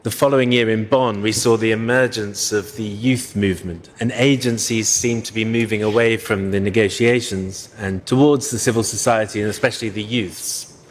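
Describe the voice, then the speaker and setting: A man on a panel talks in a low, reflective and measured voice, with frequent small hedges. His words ring out with a long reverb, as in a large hall. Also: fairly even intonation, a little hiss or hum. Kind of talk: panel discussion remarks.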